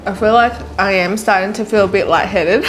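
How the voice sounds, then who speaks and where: A woman's voice: medium pitch, brisk, poor audio. Woman vlogger, casual food-challenge chat, mouth burning from chilli, struggling to swallow, music behind. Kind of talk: casual chat to camera while eating.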